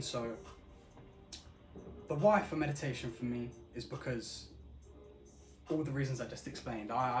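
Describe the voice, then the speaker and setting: A man talking casually and earnestly about his own habits. He speaks slowly and deliberately, and he keeps checking in with the listener by asking if they know what he means. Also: mid-range voice. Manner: earnest, repeats "you know what I mean"; slow, deliberate, enunciated delivery. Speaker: vlogger. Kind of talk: casual reflective monologue. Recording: roomy echo with music behind.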